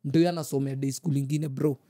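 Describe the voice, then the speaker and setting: A man's voice: mid-range voice, steady tone, fast talker, mellow, dry recording, studio quality. A young man with a Kenyan accent chatting casually in street slang and telling stories to friends. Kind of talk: casual group discussion and storytelling.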